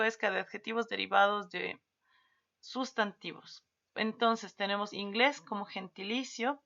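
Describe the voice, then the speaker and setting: A woman teaching a spelling lesson to her students, stretching words out slowly to show how they are written. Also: mid-range voice, creaky, pushed and bright. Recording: dull lo-fi sound.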